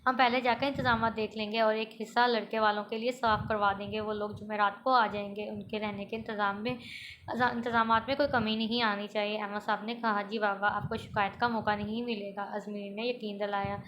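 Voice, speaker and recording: Woman reading a novel in a flat voice. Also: medium pitch, fairly quick, slight background noise. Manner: reads every character in a mostly plain voice, with small stumbles and restarts. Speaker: novel reader.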